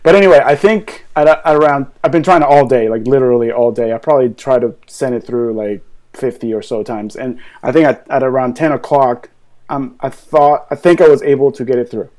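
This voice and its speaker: A man's voice: medium pitch, brisk, a little mellow. Rambling young man from Venezuela. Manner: rambling, heavy use of "like". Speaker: podcast guest. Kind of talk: casual chat.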